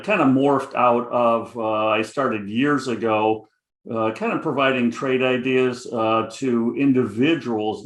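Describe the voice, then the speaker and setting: A middle-aged man with a Chicago accent, appearing as a guest options trader, talks casually in an interview chat, rambling with lots of fillers. His mid-range voice is a bit bright, and the room sounds echoey.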